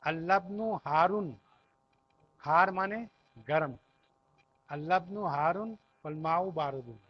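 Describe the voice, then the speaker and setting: A man's voice: a little high, slow pace, no room sound. A man teaching an Arabic class in a classroom, patiently repeating each phrase and explaining it word by word. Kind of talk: classroom language lesson. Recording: dull lo-fi recording.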